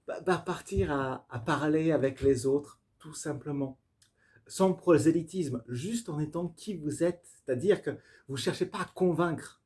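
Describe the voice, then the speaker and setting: A man gives a spiritual tarot reading to camera at a slow, unhurried pace. His voice is mellow and dark, and he often halts and restarts while searching for words. He speaks to his viewers directly and with open enthusiasm. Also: medium pitch. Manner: searching, halting, with frequent fillers and restarts. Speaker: tarot reader.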